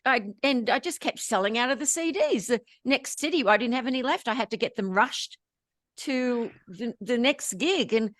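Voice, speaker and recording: Chatty Australian woman, fairly high voice. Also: normal speed, no echo, clean studio sound. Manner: lively, laughs often between anecdotes. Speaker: interview guest. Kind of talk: storytelling in casual interview chat.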